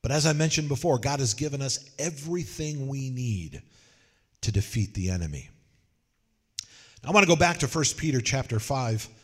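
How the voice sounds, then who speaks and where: A man preaching a sermon in a folksy, joking way, telling animated stories. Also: mid-range voice, moderate pace, big-room sound. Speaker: pastor.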